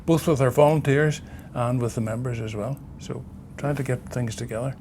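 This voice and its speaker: A man's voice: medium pitch, moderate pace, mellow, a little hiss or hum. A man chatting casually in an interview, often repeating and rephrasing himself as he answers. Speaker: president of a national radio society. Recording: faint room ambience behind.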